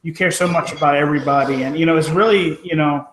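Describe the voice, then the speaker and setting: A man on a video-call panel, speaking supportively with halting repeats. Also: on the high side, steady tone, fairly bright tone. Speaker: YouTuber guest on a panel. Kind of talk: casual chat. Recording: echoey room with crowd noise.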